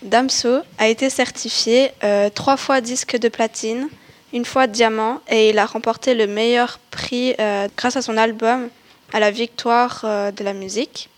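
A woman presenting a music artist in a read-out presentation, pausing often with filler sounds. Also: on the high side, steady tone. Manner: hesitant, many filler pauses. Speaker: presenter introducing a rapper. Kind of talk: read-out school-style presentation.

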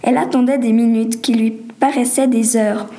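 A woman reading a homemade story aloud in a plain, slightly halting way. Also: a little high, steady tone, mellow.

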